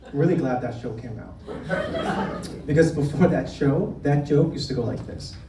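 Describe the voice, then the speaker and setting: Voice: medium pitch, normal speed. A comedian born in Vietnam doing a live stand-up set, teasing the crowd and talking straight to them. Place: comedy club stage. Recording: roomy live club from far off, audience noise.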